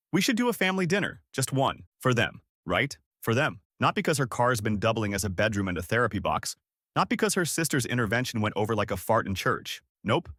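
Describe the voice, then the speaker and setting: A man's voice: fairly low pitch, a bit bright, no echo. Middle-aged male narrator, sardonic and dry, close dry recording. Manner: sardonic, wry. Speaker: storyteller. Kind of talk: scripted story narration.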